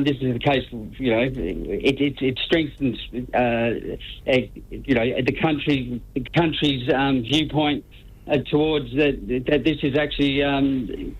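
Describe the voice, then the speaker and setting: Muffled, hesitant man on radio. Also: medium pitch. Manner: hesitant, halting, repeats words. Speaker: radio interview guest. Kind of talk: casual interview answers. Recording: dull, band-limited radio call-in.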